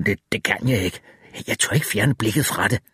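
A man's voice: lowish voice, a bit bright, husky, dry recording, studio quality, pitched below the performer's own voice. A man voicing a blunt, frightened older man who swears under stress, in an audiobook. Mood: scared. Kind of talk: audiobook narration.

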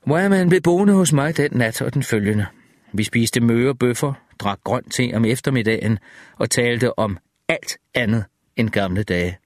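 A man narrates a first-person audiobook at a calm, measured pace. His voice has a middling pitch, and the recording is dry and close with no reverb. The delivery is reflective and even.

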